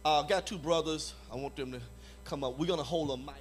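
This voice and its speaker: Man, high-pitched voice, emphatic preaching, calls for amen, church conference talk. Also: fairly quick, a little hiss or hum. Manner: emphatic, repeats phrases, calls for "Amen?" from the audience. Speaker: conference evangelism leader. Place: church hall before a live audience.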